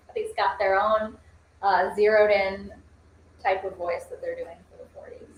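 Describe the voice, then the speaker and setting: A woman's voice: mid-range voice, steady tone, moderate pace. A woman chatting casually on a stream in an enthusiastic, complimentary way. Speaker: production team member on a stream. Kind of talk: casual chat. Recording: roomy, with light background noise.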